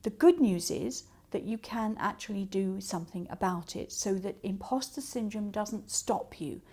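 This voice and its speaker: With a medium-pitched, expressive voice that's mellow and slightly rough, a woman speaks at normal speed as a coach. She gives instructional, step-by-step practical tips, acting out example remarks along the way.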